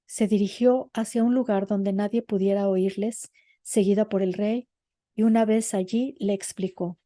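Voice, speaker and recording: A woman reading a novel aloud in measured, expressive scripted narration. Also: medium pitch, no room sound. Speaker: audiobook narrator.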